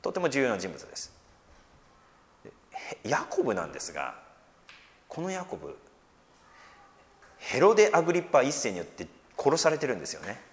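Animated preaching man in a reverberant hall. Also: mid-range voice, moderate pace, pauses often. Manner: animated preaching, raising his voice for quoted words; gentle joking asides. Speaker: pastor. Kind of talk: sermon.

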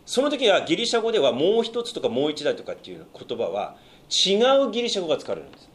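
A man's voice: fairly high pitch, huge pitch swings, fast. A pastor teaching a Bible study, explaining step by step with hesitant fillers and questions put to his listeners.

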